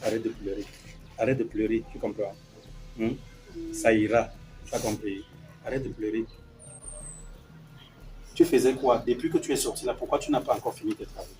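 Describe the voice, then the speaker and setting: A man's voice: fairly even intonation, moderate pace, pauses often, over music, lightly acted, poor audio. A man playing a patient father who soothes his crying daughter and pleads with his harsh wife. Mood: gentle. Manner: soothing and pleading, switching into sudden high-pitched exclamations. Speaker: actor in a family skit. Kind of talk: scripted skit acting.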